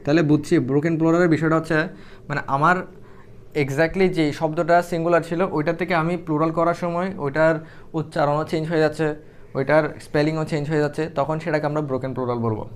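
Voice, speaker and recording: Man teaching, slightly high voice. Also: little pitch movement, quick pace, smooth. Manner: thinks aloud with many fillers and restarts while writing. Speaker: Arabic teacher. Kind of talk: casual explanatory lesson.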